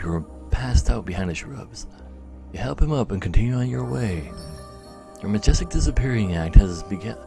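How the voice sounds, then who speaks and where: A live streamer plays a game indoors with its music behind him, alternating muttered commentary with dramatic readings of the on-screen text. His voice is medium in pitch and gravelly.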